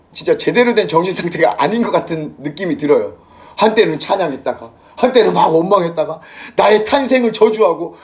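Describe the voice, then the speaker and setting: High, animated Korean pastor preaching. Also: male voice. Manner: conversational, asks the congregation questions. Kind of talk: sermon.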